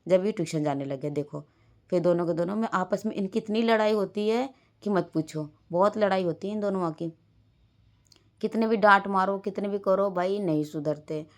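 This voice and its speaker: A mother narrates her busy day in a loose, rambling voice-over for a home vlog, often slipping into her children's words. Her voice sits on the low side for a woman. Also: normal speed, darkish tone. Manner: rambling everyday storytelling, quoting her children. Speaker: vlogger and mother.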